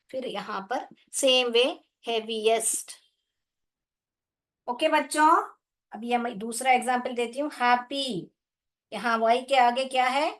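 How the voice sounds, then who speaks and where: A woman teaching an English grammar lesson to schoolchildren, patiently repeating questions and calling them "beta". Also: fairly high pitch. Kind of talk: online class lesson.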